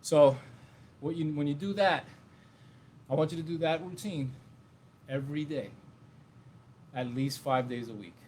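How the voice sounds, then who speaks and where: A fitness instructor with a fairly high, slightly mellow voice leads a short home workout, explaining each exercise casually and encouragingly as he does it. He speaks unhurriedly with long pauses. The echoey room is picked up by a distant mic, with clear background noise.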